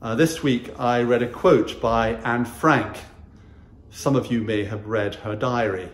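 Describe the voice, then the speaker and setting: A man in his sixties, a chaplain, giving a gentle, earnest chapel talk to pupils, recorded on a camera at mid distance in a small wood-panelled room. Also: medium pitch, measured pace. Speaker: school chaplain. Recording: roomy echo.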